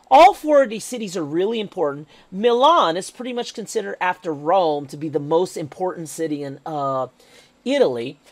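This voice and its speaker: A woman's voice: fairly low pitch, darkish tone, no room sound. A woman teacher giving a recorded history lecture over slides, emphatic and checking in with "okay?" as she goes.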